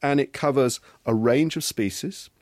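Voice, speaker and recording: A middle-aged man, a genetics professor, answering interview questions in a measured, explanatory way. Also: mid-range voice, a little mellow, dry recording, clean studio sound.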